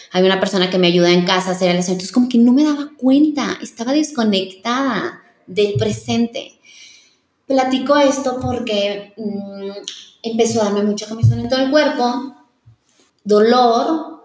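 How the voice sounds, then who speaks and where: A woman's voice: medium pitch, darkish tone. A woman in her thirties, a wedding planner, candidly telling a personal story as an interview guest, earnest and confiding, often restarting her sentences. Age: 30s. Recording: roomy echo.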